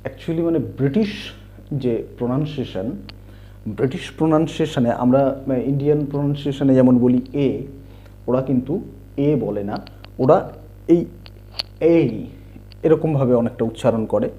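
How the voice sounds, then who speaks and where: A man teaching English letter sounds, spelling words out and repeating the sounds slowly. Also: mid-range voice, warm tone. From India. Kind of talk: slow explanatory lesson. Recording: dull lo-fi home recording.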